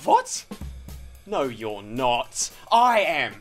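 A man's voice: medium pitch, lively intonation, moderate pace, fairly bright tone, soft background music, natural voice. An actor playing a flustered male film director who is indignant and bewildered as his set slips away from him. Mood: panicked. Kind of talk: short comedy film acting.

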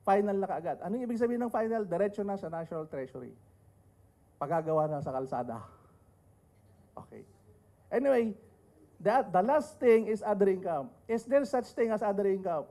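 Middle-aged Filipino man, panel speaker, high and soft-toned voice, joking lecture manner. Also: expressive, moderate pace, long pauses. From Philippines. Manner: joking asides and rhetorical questions. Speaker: tax lawyer speaking on a panel. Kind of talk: lecture to an audience, mixing Tagalog and English.

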